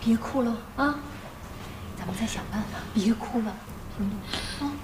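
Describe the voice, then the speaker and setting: A woman's voice: fairly high pitch, normal speed, noisy background, close to an everyday voice. A middle-aged actress playing a shrewd, motherly official's wife who talks soothingly and schemes in a TV drama. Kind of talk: TV drama acting.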